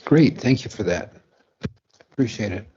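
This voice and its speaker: A man chairing a county board meeting, moving briskly through motions and votes. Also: on the low side, lively intonation, warm tone. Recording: dull meeting room audio with faint noise.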